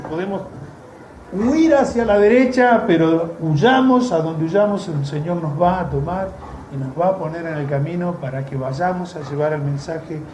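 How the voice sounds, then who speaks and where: Argentine male preacher, conversational with sarcastic asides, high voice in a roomy church. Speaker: missionary preacher. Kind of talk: sermon. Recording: echoey church room, faint noise.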